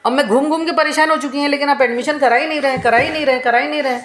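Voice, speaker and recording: A woman's voice: high-pitched, steady tone, racing, a bit bright, reverberant. Aggrieved woman venting at home. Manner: aggrieved, repetitive complaining. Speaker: vlogger. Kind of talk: casual venting to camera.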